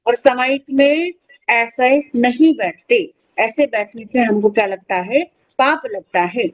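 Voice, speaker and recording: A woman with a high, light voice teaches children in an online class. She explains each point patiently and poses questions she then answers herself. The sound is dull and lo-fi. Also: a little slow.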